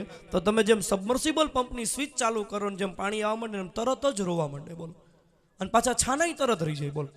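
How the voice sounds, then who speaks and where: High-voiced folksy preacher. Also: male voice. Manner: folksy, humorous, animated. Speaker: kathakar, preacher. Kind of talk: devotional sermon with storytelling.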